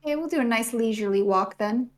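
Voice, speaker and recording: A woman co-hosts a game stream in a fairly high voice at a quick pace. Chatty and playful, she keeps asking questions while she plays, in casual gameplay chat.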